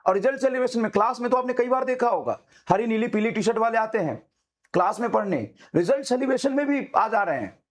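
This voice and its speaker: A man's voice: very high voice, lively intonation, fast talker. A middle-aged male coaching teacher giving a fiery, repetitive motivational speech to students. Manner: fiery, exhorting, repetitive urging.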